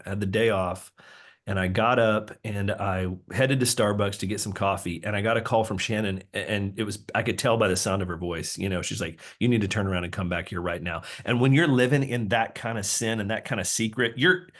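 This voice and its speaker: Low-voiced pastor, earnest confession. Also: male voice, fairly bright tone. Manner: earnest and confessional, many restarts. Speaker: pastor, interview guest. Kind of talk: candid personal testimony.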